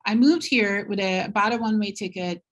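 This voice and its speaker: A middle-aged woman from Turkey giving a slide presentation at a university talk, speaking in an unhurried, thoughtful way with frequent ums. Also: mid-range voice.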